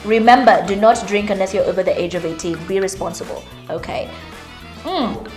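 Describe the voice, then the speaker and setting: A woman's voice: mid-range voice, a little fast. Woman in her 30s, open and chatty, bit teary, echoey room. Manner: candid and chatty, tearful at times. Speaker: media personality and vlogger. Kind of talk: emotional reflective talk to camera. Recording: roomy echo with faint music.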